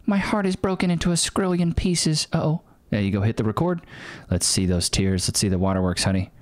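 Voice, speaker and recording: A man's voice: medium pitch, big pitch swings, brisk. A man in his thirties hosting a reaction show, teasing and mocking in sarcastic, sing-song asides, recorded on a studio mic. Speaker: host. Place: small studio room. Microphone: boom-mounted studio mic. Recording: studio voice with music underneath.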